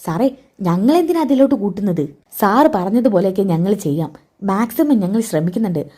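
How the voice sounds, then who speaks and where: A woman's voice: medium pitch, expressive, a little fast, mellow, breathy edge. A woman voicing a hired male thug who answers his boss deferentially and wary.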